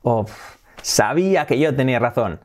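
A man from Spain teaching English in a video lesson, explaining in Spanish and saying the English phrases slowly and clearly. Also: mid-range voice, animated.

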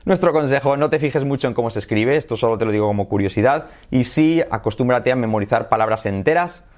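In this video lesson, a man whose first language is Spanish coaches English pronunciation, saying words slowly and often asking "¿vale?" and "¿sí?". His mid-range voice has a darkish tone.

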